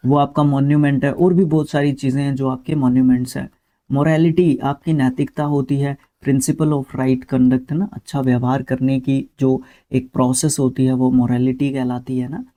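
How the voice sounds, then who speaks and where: Mellow Indian teacher explaining word lists. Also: male voice, medium pitch. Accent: Indian English. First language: Hindi. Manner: steady explaining tone, repeats each word several times with frequent "theek hai". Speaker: English vocabulary teacher. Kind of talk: online vocabulary lesson.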